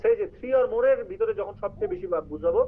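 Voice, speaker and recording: A man's voice: high voice, quick pace. A man teaching an English writing class online, explaining grammar and quizzing his students while mixing in English terms. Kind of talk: live online class lecture. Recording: tinny phone-like line.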